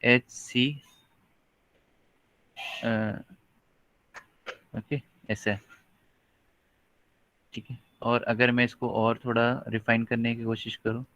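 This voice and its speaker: A male biology teacher gives a live online lecture mixing Hindi and English. His medium-pitched, slightly bright voice stays level while he speaks slowly and hesitantly, using many fillers and often checking that students understand. The recording comes from a dry, dull lo-fi mic.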